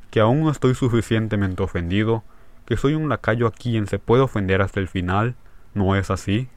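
A man's voice: on the low side, a little mellow, no room sound, natural voice. A man reading the part of a grieving country doctor who speaks with harsh, emphatic scorn.

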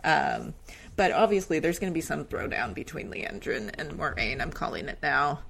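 A woman co-hosting a podcast, recapping an episode in casual chat, animated, laughing often and full of "like" and "um". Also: low voice, normal speed, creaky, a little hiss or hum. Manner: animated, acts out character lines in exaggerated voices. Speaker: podcast co-host.

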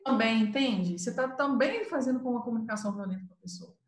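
A woman's voice: on the high side, fast talker, reverberant, background noise. A Brazilian woman, a communication consultant, explaining in a casual live chat and often adding "né". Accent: Brazilian Portuguese. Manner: explanatory, uses filler "né".

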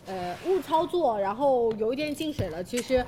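A woman's voice: fairly high pitch, lively intonation, moderate pace, warm tone. A woman co-hosts live shopping, chatting casually with brief interjections and practical explanations. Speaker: livestream co-host and assistant. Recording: clear background noise and room ambience.

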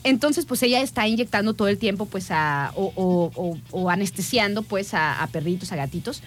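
A woman's voice: mid-range voice, expressive, normal speed. A woman co-hosting a casual chat, talking to her listeners in an easy, chatty way. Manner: chatty, laughs often, addresses audience as "pequeños". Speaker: co-host.

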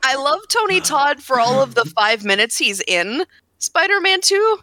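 A woman chatting casually about video games on a podcast, talking fast with lots of "like" fillers and restarts. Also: high voice, very animated, pushed and bright, dry recording. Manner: rapid, full of "like" fillers and restarts. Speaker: podcast panelist.

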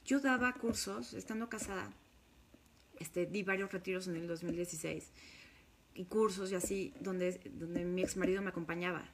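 A woman's voice: on the low side, fairly even intonation, moderate pace, background noise. A woman with a Mexican accent, a spiritual course leader, speaking to her viewers in a frank, emphatic confessional monologue.

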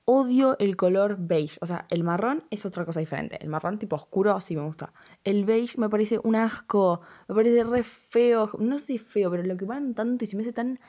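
This teen girl's voice is mid-range and mellow, moving at a moderate pace, and carries an Argentine Spanish accent. She vlogs casually about fashion, brushing things off bluntly and repeating "no" often.

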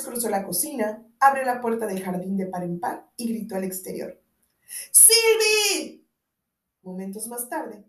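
A woman narrating a romance novel in an expressive audiobook reading and voicing the dialogue herself. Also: a little high, distant mic. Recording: roomy echo.

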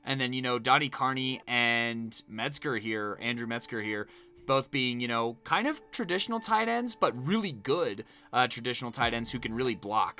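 A man's voice: mid-range voice, pushed and bright. An American man giving casual sports analysis as a co-host, talking discursively and piling up points.

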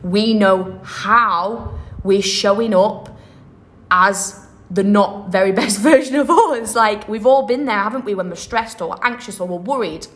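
A woman's voice: mid-range voice, measured pace, a bit bright. A young woman hosting a self-help podcast, talking in an upbeat, encouraging way, rambling and correcting herself as she goes. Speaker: podcast host.

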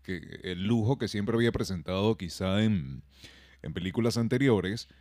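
A man's voice: lowish voice, normal speed, darkish tone, no room sound. A man with a Venezuelan Spanish accent, co-hosting a casual film-review podcast, joking and slipping into mock voices. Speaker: podcast co-host.

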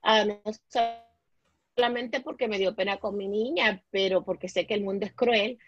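A woman's voice: medium pitch, normal speed, no room sound. A woman, recounting her own experiences as an interview guest. She drops in English words and restarts often, and her voice is dry and dull, as if from a lo-fi mic. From Puerto Rico. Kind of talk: personal storytelling in conversation. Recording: dull, lo-fi sound.

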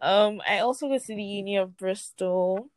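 A nineteen-year-old woman co-hosting a podcast, chatting casually with animated, laughing banter. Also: mid-range voice, moderate pace, a crowd in the background. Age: teens. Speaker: podcast co-host. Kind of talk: casual chat.

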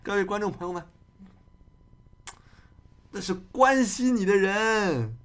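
Lively high-pitched male streamer. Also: slow. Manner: argumentative, many rhetorical questions. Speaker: streamer host. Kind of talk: casual livestream chat.

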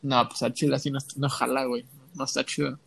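A man's voice: mid-range voice, fast, creaky, slightly rough. A young man with a Mexican accent co-hosting a podcast, chatting casually in slang and telling stories with energy. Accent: Mexican Spanish. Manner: slangy, animated storytelling. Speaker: podcast co-host.

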